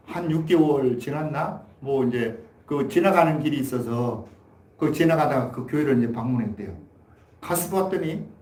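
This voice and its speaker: This pastor's voice is medium in pitch with a darkish tone as he preaches his Sunday sermon, the sound ringing through an echoey church hall. He spins a folksy tale before pressing the lesson with emphatic urging.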